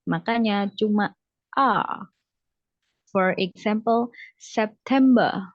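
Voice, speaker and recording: A woman teaches English one-on-one over a video call, speaking slowly and patiently. She mixes English words into her explanations and keeps encouraging her student. The call audio sounds muffled and dry. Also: medium pitch, dry recording. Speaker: English tutor. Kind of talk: online one-on-one English lesson.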